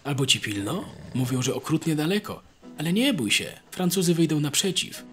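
A man's voice: a little high, big pitch swings, moderate pace, a bit bright, faint music behind, voice pushed up. A man voicing a shrewd, boastful older peasant soldier who talks in a folksy rural dialect, scaring his comrade. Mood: boastful, scaremongering.

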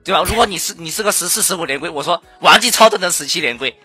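Blunt young man with a husky voice. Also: on the high side, animated, racing, sharp tone, dry recording, soft background music. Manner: blunt, rambling, swearing, teasing comfort. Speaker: streamer. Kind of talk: casual voice-call chat.

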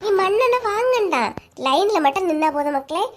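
A woman's voice: very high-pitched, lively intonation, a little fast, very noisy. A woman voicing a bossy, scheming cartoon mother with a Kanyakumari Tamil accent, coaxing and ordering her kids. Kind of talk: cartoon voice acting.

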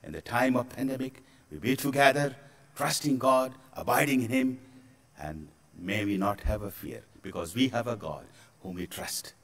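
A man with offers earnest, plain encouragement at a middle pitch. His delivery is simple and steady. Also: normal speed. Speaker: church leader.

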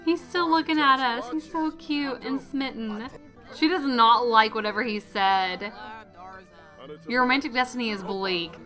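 A young woman hosting a casual gaming video, chatting excitably and urging her game character on. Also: on the high side, measured pace, faint music behind. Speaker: gaming channel host. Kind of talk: casual let's-play commentary.

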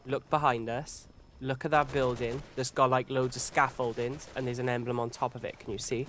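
A man's voice: mid-range voice, level tone, moderate pace, a bit bright, slight background noise. A man with a nasal, blocked-nose sound, giving casual co-op gameplay commentary and laughing at himself often. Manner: laughs often, self-mocking. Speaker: co-op gamer.

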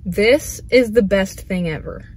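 A woman's voice: medium pitch, a little slow, a little mellow, slightly rough. A young woman vlogging casually, chatty and gushing, with many fillers. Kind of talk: casual unboxing vlog.

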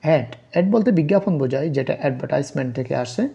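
A teacher from Bangladesh giving a recorded exam-prep lecture, reading English definitions slowly and then explaining them step by step, repeating example words to contrast how they are pronounced. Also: mid-range voice, lively intonation, gravelly, warm tone, highs cut off.

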